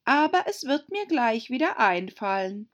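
A woman's voice: a little high, big pitch swings, unhurried, muffled recording, pitched above the performer's own voice. A woman voicing a fussy, moralizing old Duchess with a pompous, sing-song manner. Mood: preachy.

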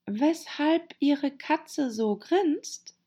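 Brief: woman playing a small, polite girl for an audiobook, pitched much higher, shy and courteous. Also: very animated, unhurried, gravelly, darkish tone, breathy edge, heavily acted. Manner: shy and polite, eager to show off knowledge. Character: polite, timid little girl, Alice. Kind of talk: audiobook character voice.

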